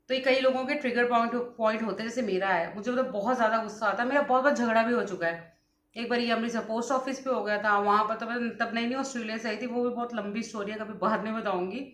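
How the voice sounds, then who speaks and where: A woman's voice: fairly high pitch, fairly bright tone. A young woman, chatting in a casual vlog while unwell after a vaccine, telling stories and mixing in English words. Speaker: vlogger. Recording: echoey room.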